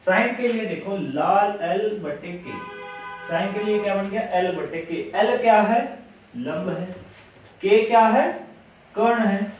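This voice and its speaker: A man's voice: high voice, a little mellow. A male maths teacher giving a classroom lesson, patiently repeating each step and asking questions aloud. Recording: very echoey room, mic far away.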